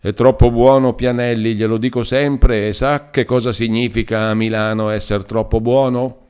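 A man's voice: medium pitch, fairly even intonation, moderate pace, a little mellow, clear, resonant tone, close to an everyday voice. A man voicing an easygoing, worldly office chief who lectures in an amused way.

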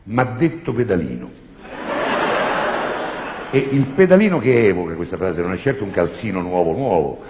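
A man's voice: low voice, big pitch swings, fast talker, hardly any pauses, echoey room, big-room sound, lo-fi sound, noisy background. A man with a Roman accent doing a rambling comic monologue in a mock-scholarly tone, often breaking off and restarting his sentences. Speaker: stand-up comedian.

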